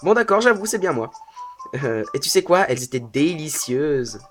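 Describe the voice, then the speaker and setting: A man voicing a cheeky young female Pokémon hero during a let's play, pitching his voice up and pleading. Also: sing-song, moderate pace, soft background music.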